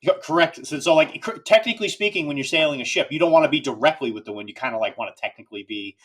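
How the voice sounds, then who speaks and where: Fast, bright-voiced male podcast host. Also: a little high, breathy edge. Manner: animated, rambling, lots of filler asides. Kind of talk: casual podcast chat.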